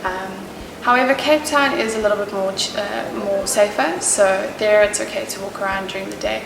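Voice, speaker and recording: A woman's voice: medium pitch, fairly even intonation, moderate pace, gravelly. A young woman with a South African accent, speaking casually and informatively in an interview. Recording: very echoey room, distant mic, noisy.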